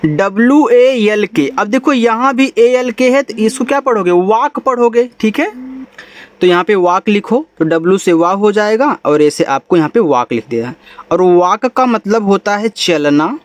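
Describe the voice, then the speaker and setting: A man's voice: high voice, lively intonation, moderate pace, no room sound. A young adult man teaching a lesson step by step, patiently repeating points and checking in with his listeners. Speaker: English teacher.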